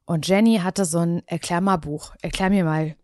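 A woman's voice: lowish voice, steady tone, moderate pace, darkish tone, no echo, studio quality. A woman from Mecklenburg with a light Mecklenburg accent, chatting casually on a podcast, laughing easily and restarting her sentences. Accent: Mecklenburg German. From Mecklenburg, Germany. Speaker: podcast co-host. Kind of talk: casual chat.

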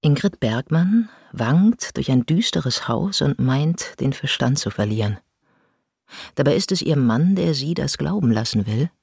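A woman narrating a scripted spoken-word piece in a measured, grave manner. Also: extremely low pitch, expressive, gravelly, a little mellow, slightly rough, no room sound, clean studio sound. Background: music.

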